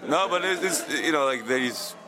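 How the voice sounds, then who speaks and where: A man from Finland, a band's drummer, complaining in a rapid, repetitive way in a casual interview. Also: on the high side, animated, crowd noise.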